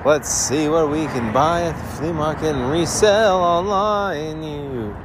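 Rambling man with vocal fry, street noise behind. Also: a little high, a little slow. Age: middle-aged. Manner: rambling, repeats himself, drifts into sing-song. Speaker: podcast host. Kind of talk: rambling solo chat to listeners. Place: outdoors beside a road. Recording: noisy outdoor roadside with traffic. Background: vehicles and street noise.

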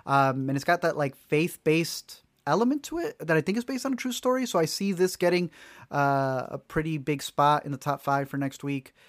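A man co-hosting a relaxed movie podcast, talking in an animated, joking way with quick asides. His voice sits a little high for a man. The sound is dry and close, with no room echo. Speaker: podcast co-host. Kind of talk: casual movie-news chat.

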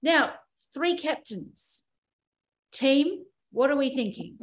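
A woman with an Australian accent hosting a sports podcast, brisk and steering the talk with questions. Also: high voice, expressive. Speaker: podcast host.

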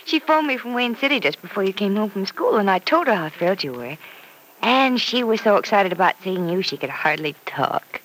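An actress playing a kindly, reassuring aunt, gentle and indulgent, in an old-time radio soap. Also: female voice, mid-range voice, animated, fairly quick, natural voice. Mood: reassuring, amused. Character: kindly, reassuring aunt fond of a little girl. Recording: noisy vintage radio recording.

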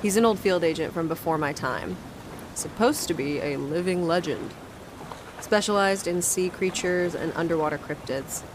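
An actress playing a brisk, blunt young woman who leads a team of investigators in an audio drama. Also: on the low side, close to an everyday voice. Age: young adult. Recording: clear outdoor dockside noise behind.

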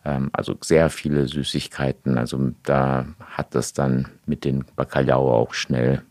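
Deep-voiced Portuguese man, relaxed guest. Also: unhurried, no room sound, clean studio sound. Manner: relaxed, explains at length. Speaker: podcast guest, magazine editor-in-chief. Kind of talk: casual podcast interview.

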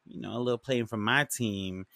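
A man co-hosting a podcast, chatting in a slangy, expressive, casual way. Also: lowish voice, normal speed, vocal fry, no echo, studio quality. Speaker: podcast co-host. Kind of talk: casual chat.

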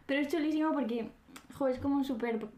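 A woman's voice: high-pitched, brisk, a little mellow. Playful young Spanish woman in an echoey room. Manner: playful, chatty, laughs often while retelling scenes. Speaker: podcast co-host. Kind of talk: casual chat.

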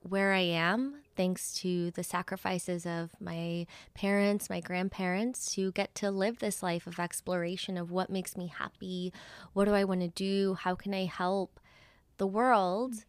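Podcast guest, thirties, woman from El Salvador: low, gentle and reflective, recorded dry and close. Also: little pitch movement, a little slow, clear, resonant tone, no echo. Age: 30s. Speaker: podcast guest, wellness practitioner. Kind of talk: casual conversation.

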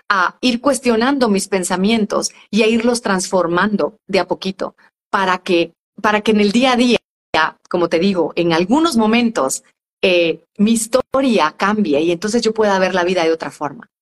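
Calm woman guest explaining step by step. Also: medium pitch, normal speed. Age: adult with a school-age daughter. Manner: calm, explains step by step, frequent self-corrections. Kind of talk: reflective self-help talk. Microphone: live video stream.

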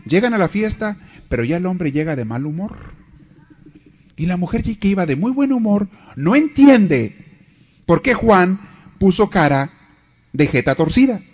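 Guy teaching a marriage class, jokes a lot, acts out little scenes, kinda high voice for a man. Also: very animated, unhurried, pauses often, a little mellow. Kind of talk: lively lecture.

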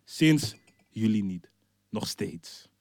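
A young man co-hosting a casual music chat, slangy and laid-back, often trailing off low at the ends of his lines. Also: lively intonation, extremely slow, darkish tone, no echo. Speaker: podcast co-host.

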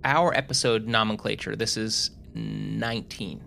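A man's voice: on the low side, steady tone, measured pace, creaky, sharp tone, slight background noise. A man co-hosting a casual podcast, dropping dry wisecracking asides. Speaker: podcast co-host. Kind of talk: casual chat.

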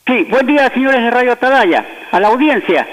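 A man's voice: extremely high pitch, lively intonation, fairly quick, a bit bright. A man calling in to a radio show over the phone, talking in a chatty, frank, rambling way. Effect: heard over a phone line. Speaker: radio call-in listener. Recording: tinny phone line with faint noise.

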